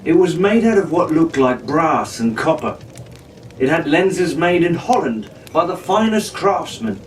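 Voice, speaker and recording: Pitched on the high side, this male storybook reader is very animated yet keeps a measured pace as he dramatically voices a scripted pirate adventure for children. Faint noise and a roomy, far-off microphone color the recording.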